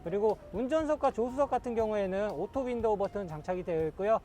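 Very high-pitched man, smooth car salesman. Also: lively intonation, quick pace, mellow, soft background music. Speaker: used car dealer presenter. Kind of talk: car interior sales presentation.

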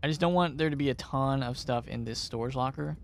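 A man's voice: mid-range voice, a little fast, creaky. A man giving let's play commentary, chatty and thinking aloud as he plays, often unsure of himself. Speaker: gamer.

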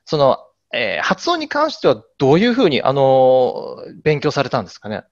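A man's voice: medium pitch, wildly swooping pitch, moderate pace. A man hosting an interview, asking polite questions and nodding along with frequent agreeing words. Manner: polite, lots of agreeing backchannels. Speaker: host, interviewer. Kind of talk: casual interview. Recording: dull lo-fi audio.

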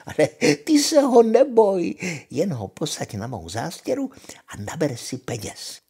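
Old grandpa doing a high pushy witch lady, husky, swoops all over. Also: wildly swooping pitch, warm tone, full character voice. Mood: coaxing. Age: older. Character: scheming old witch woman.

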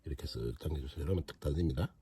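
A man's voice: rumbling low, rapid-fire, warm tone, breathy edge, no echo, distant mic. A man with a Gyeongsang accent hosting a fishing vlog on a frozen lake, chatty and joking, talking to himself and the fish. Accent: Gyeongsang Korean. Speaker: fishing channel host. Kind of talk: casual fishing vlog commentary.

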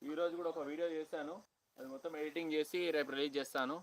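A young man from Telangana with a Telangana Telugu accent, chatting loudly with viewers on a phone live stream outdoors on a college campus, half-shouting and greeting people by name. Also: on the high side, steady tone, fast talker, low-quality recording. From Telangana, India. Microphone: phone held at hand, no external mic.

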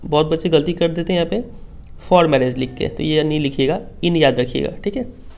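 A man's voice: on the high side, normal speed, gravelly, a little mellow. A male teacher patiently explaining a school text line by line, often checking that students follow.

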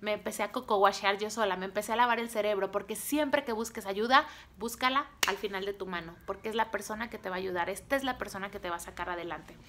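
A woman's voice: medium pitch, fast talker, a little hiss or hum. A woman with a Mexican accent, a sales team leader, telling a motivational story to her viewers in short, punchy phrases. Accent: Mexican Spanish. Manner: animated, acts out dialogue, punchy short phrases.

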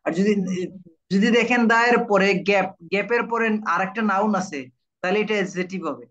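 A man's voice: sits high, a little fast, fairly bright tone, highs cut off. A man from Bangladesh teaching an IELTS class live online, repeating key words and often checking whether his students follow. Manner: repetitive, keeps checking understanding with students.

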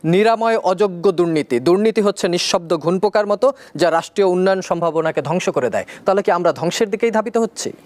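A Bangladeshi man with a Bangladeshi accent, hosting a talk show and putting quick questions to his guest. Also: high-pitched, lively intonation, a little mellow.

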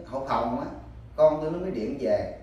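A man from Cà Mau with a southern Vietnamese Mekong Delta accent, telling in a halting, repetitive way how he has searched for his wife. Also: medium pitch, lively intonation, highs cut off. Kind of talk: personal account in an interview. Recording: very echoey, distant, faint background noise.

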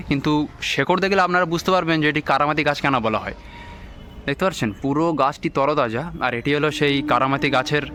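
A man giving a walking-tour vlog narration, speaking in a deliberately hushed, reverent way. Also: on the high side. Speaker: vlog host and guide. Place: outdoors in a cemetery. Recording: clearly noisy on-location ambient sound.

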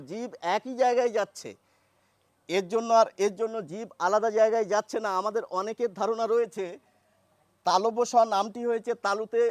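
A man teaching a lesson on pronunciation, speaking slowly and deliberately and repeating sounds to demonstrate them. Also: high-pitched, no echo. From Bengal. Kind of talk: explanatory lesson.

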